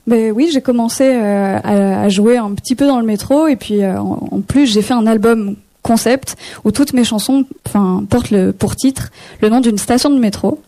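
A young woman from Picardy, a singer-songwriter chatting in a radio studio interview, answering in a chatty, hesitant way with many pauses. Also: fairly high pitch, dark tone. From Picardy, France. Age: young adult.

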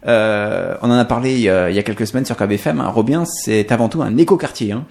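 A man hosting a radio studio interview, relaxed and conversational with fillers. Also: lowish voice, fast talker, creaky. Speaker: radio host.

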